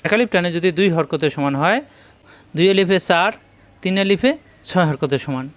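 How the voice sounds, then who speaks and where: A man with a Bangladeshi Bengali accent teaching Quran recitation rules step by step, patiently drilling syllables by repeating them slowly. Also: high voice, lively intonation. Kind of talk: step-by-step tajweed lesson.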